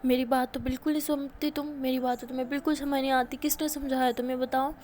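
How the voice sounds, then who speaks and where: A woman's voice: high voice, flat delivery, fast, darkish tone, a little hiss or hum, natural voice. A woman doing a tearful young girlfriend. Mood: pleading. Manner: tearful pleading. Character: tearful loving young woman, hurt and pleading.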